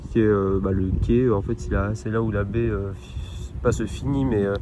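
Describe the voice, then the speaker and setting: A man's voice: fairly low pitch, steady tone, moderate pace. Young man rambling outdoors in strong wind. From France. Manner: rambling, informal, lots of hesitations and slang. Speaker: vlogger. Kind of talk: casual travel vlog chat. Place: windy outdoor waterfront at night. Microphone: handheld phone camera. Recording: wind noise on phone mic. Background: wind and outdoor ambience.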